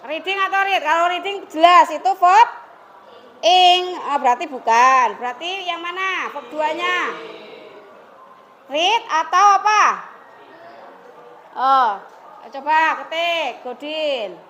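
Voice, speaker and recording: A woman's voice: extremely high pitch, expressive, takes it slowly, pauses often, pushed and bright, slight background noise. A woman English teacher leading a classroom lesson, coaxing and prompting her students to come forward and answer.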